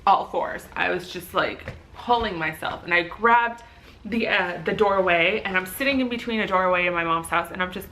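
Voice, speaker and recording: Young adult woman vlogger with a bright, lively voice, doing casual storytelling. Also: lowish voice, normal speed. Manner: animated, acts out quoted voices, many fillers like "like". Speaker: vlogger and new mother.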